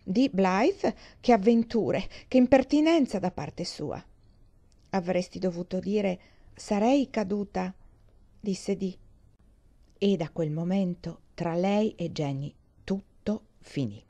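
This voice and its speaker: Mellow-voiced woman reading aloud expressively. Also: lowish voice, takes it slowly. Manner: expressive, lifts her voice for children's lines and drops it for narration. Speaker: audiobook reader. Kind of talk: audiobook narration with voiced characters.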